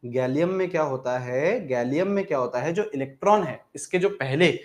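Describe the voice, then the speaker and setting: Male coaching teacher, a bit high-voiced, drills students with repeated questions, fond "beta". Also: normal speed. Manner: repeats questions to the class, calls students 'beta'. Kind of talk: exam-prep chemistry lesson.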